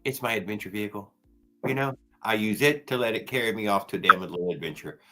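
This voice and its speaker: A man's voice: lowish voice, fast, a bit bright. A man chatting casually on his live stream, rambling and often trailing off mid-sentence. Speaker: video creator.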